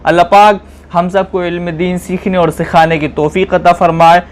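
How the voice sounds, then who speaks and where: A man teaching Quran reading, sounding out letters syllable by syllable and then explaining in quick asides. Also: high voice, little pitch movement, slight background noise. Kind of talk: slow syllable-by-syllable recitation lesson.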